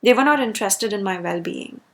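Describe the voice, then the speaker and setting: A woman's voice: mid-range voice, animated, brisk. A woman delivering a personal rant as a video creator, speaking emphatically and repeating words for stress.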